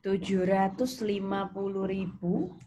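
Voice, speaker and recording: A woman with a medium-pitched, dark-toned voice speaks slowly while lecturing on accounting in an interactive online session. She explains step by step and repeats students' answers to her questions, against a noisy background of typing and clicks.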